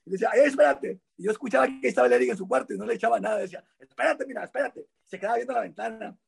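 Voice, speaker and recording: A man with a Mexican accent telling lively stories in casual chat, acting out quotes. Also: high-pitched, rapid-fire, vocal fry, breathy edge. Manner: animated, laughing, acting out shouted quotes. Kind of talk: casual storytelling.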